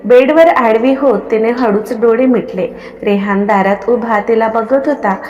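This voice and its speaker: Woman storyteller, fairly high voice, long reverb; steady expressive read. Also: a little slow, highs cut off. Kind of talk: scripted story narration.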